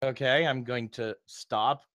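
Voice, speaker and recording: A man's voice: medium pitch, fairly even intonation, slow pace, fairly bright tone, no echo. A man playing a tabletop game, talking casually and informally about his character's moves.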